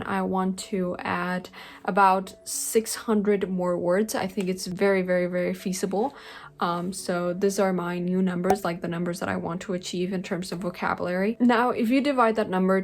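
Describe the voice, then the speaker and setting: In her bedroom, a young woman who grew up speaking Spanish in a Spanish-speaking country records a casual talking-head vlog for language learners. Her voice is lowish, and she speaks earnestly into a close webcam-style camera, sprinkling in plenty of "like" and "um."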